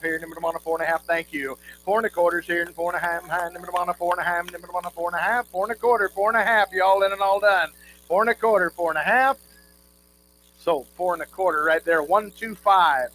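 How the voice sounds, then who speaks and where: Higher-voiced male auctioneer chanting bids, noisy recording. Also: steady tone, fast, fairly bright tone. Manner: repetitive rolling number patter, folksy asides to the crowd. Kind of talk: rhythmic auctioneer chant with repeated bid calls at a live quilt auction.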